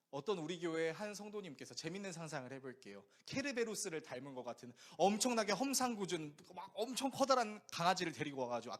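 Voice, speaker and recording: Male pastor, slightly high voice, very animated sermon delivery, storytelling with rhetorical questions.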